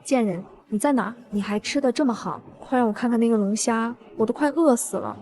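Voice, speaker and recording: A woman's voice: on the high side, a little fast, close to an everyday voice. A woman voicing a cruel young husband who hurls insults while starving. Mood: angry. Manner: insulting, yelling curses.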